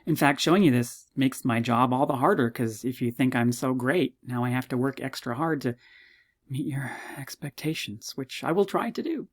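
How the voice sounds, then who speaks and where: A man in his fifties from Canada talks through a recorded course introduction as a university lecturer. He sits in a plain middle pitch and keeps slipping in teasing, mock-modest asides. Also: moderate pace. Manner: playful, mock-modest humor.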